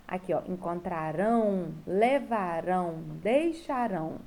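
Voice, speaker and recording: A woman's voice: mid-range voice, gravelly, warm tone. A woman teacher with a Brazilian Portuguese accent, recording from home as she patiently goes over a homework correction for her pupils and keeps checking that they follow. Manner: patient, checks in often with a tag question.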